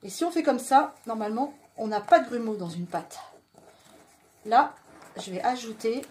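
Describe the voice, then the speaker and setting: Woman, higher voice, chatty joking cooking host, pans clinking in a home kitchen. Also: lively intonation, normal speed, a little mellow, slight background noise. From southwest France. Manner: chatty, joking, talks while stirring.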